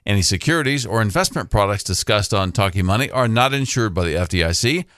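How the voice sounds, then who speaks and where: Male radio host for scripted legal disclaimer read, fairly low pitch, dry sound. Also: lively intonation, fast talker, a bit bright, dry recording.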